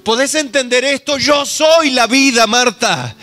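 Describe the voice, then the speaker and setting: A man with an Argentine accent voicing Jesus as a gentle, insistent male teacher who asks pleading, repeated questions. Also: very high-pitched, unhurried, pitched above the performer's own voice, exaggerated voice. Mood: fervent. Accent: Argentine Spanish.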